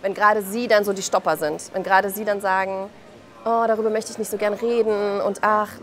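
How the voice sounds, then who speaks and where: A Belarusian woman in her thirties, an author and journalist, gives impassioned, colloquial answers as an interview guest, often acting out remarks she quotes. Her voice is medium-pitched and fairly bright, with fairly even intonation and a slightly fast pace. There's a little hiss or hum in the background.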